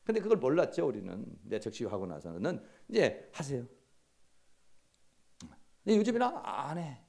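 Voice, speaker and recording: A middle-aged man giving a counseling lecture at a seminary, telling stories and acting out quoted lines in hushed voices. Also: mid-range voice, huge pitch swings, moderate pace, gravelly.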